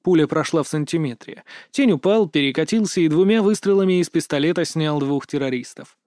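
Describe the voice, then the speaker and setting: A man tells a war story in short, punchy sentences. His voice is a little high for a man. The recording is dry and close, with no room echo. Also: brisk, darkish tone. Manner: terse, clipped action narration. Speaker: narrator. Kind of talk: scripted narration of a war story.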